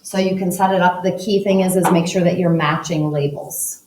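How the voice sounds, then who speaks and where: A woman's voice: fairly low pitch, steady tone, moderate pace, background noise. A woman teacher talking through math problems step by step, working as she writes and uses a calculator. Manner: talks through steps while writing and using a calculator. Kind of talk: recorded math lesson. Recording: echoey room, voice a bit distant from the mic.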